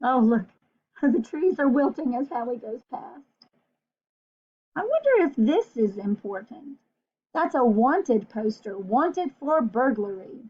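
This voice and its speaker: A woman playfully reads a children's picture book aloud, animatedly asking her young listeners questions along the way. Her fairly high voice is sing-song, slow, mellow and a bit breathy, on a dull, lo-fi recording.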